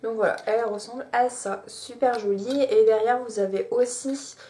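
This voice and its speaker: A woman's voice: fairly high pitch, fairly even intonation, normal speed, mellow. Chatty woman vlogging from her bed. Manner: chatty, many fillers and restarts. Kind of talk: casual haul vlog. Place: bedroom, sitting on her bed.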